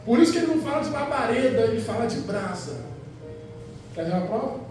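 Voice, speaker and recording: A man with a Rio de Janeiro accent preaching an animated Pentecostal sermon, telling stories with acted quotes and rhetorical questions, heard in a large church hall. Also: extremely high pitch, brisk, distant mic. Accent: Rio de Janeiro Portuguese. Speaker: evangelist preacher. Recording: very echoey church hall, music behind.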